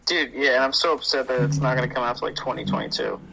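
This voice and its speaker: A man in his twenties co-hosting a casual podcast chat, laid-back and quick to laugh. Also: medium pitch, fairly even intonation, creaky, sharp tone, slight background noise, rough recording. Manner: laid-back, laughs easily, says "dude". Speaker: podcast co-host.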